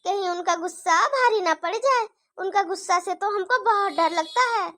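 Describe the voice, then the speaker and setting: A high, bright older mother-in-law voiced by a woman, fussing and scolding in a chatty way. She frets over her family in a cartoon story. The voice is close and dry. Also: moderate pace, no echo.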